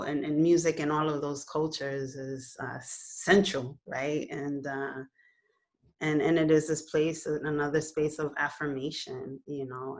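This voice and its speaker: Speaking from her living room through a laptop webcam, this thirty-something filmmaker, born in Puerto Rico and raised in NYC, gives reflective, casual answers about her film. Her pitch is extremely low, her hands move as she talks, and "um" and "you know" come up often.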